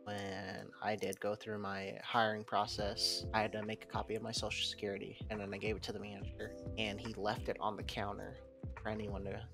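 A man's voice: lowish voice, completely flat delivery, fairly quick, creaky. A man, a former hotel night clerk, telling blunt, rambling stories about his old job in a casual vlog. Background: background music.

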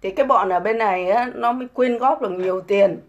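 A woman's voice: medium pitch, a little fast, muffled recording. A middle-aged woman ranting scornfully on a casual livestream, full of mocking rhetorical questions. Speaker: livestream host.

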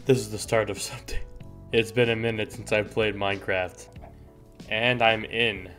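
Excitable gamer guy, bright voice. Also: fairly low pitch, normal speed, faint music behind. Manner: excitable, exclaims and swears at the game. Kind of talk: casual gameplay commentary.

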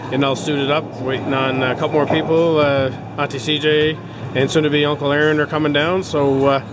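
A man chats easily, trailing off with "uh" between thoughts. His voice sits a little high. Heavy road noise from the car fills the handheld camera recording. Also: flat delivery, fairly quick. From Newfoundland, Canada. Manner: easygoing, many "uh" fillers, teasing. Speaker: dad, vlog host. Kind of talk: casual family vlog chat. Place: inside a car, then a bowling alley. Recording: loud road and room noise.

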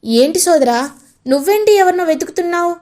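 A woman voicing an excitable, chatty young man who jokes and pries into his friend's love life. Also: very high-pitched, brisk, pitched above the performer's own voice.

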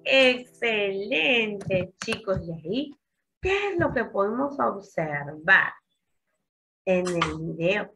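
A woman's voice: medium pitch, very animated, takes it slowly, pushed and bright, soft background music. A woman teaching young children a class in a coaxing, sing-song way.

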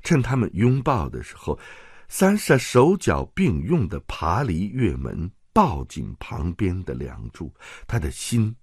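A man narrating an audiobook in a measured, dramatic way. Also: wildly swooping pitch, slightly rough, no echo, studio quality. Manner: measured, dramatic, lowering for tense moments.

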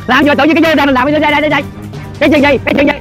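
A man playing a boss in a comic sketch, scolding loudly and repeating his exclamations. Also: very high-pitched, level tone, racing, over music. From Mekong Delta, Vietnam. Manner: loud scolding, repetitive exclamations. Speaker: comedy sketch lead, boss.

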